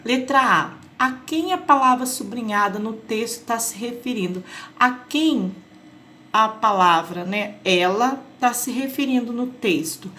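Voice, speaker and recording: Brazilian female schoolteacher, patient explainer, slightly high pitch, light background hiss. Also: unhurried, pushed and bright. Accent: Brazilian Portuguese. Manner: patient, checks in with "tá?" and "né?". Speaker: teacher. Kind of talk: explanatory lesson for children.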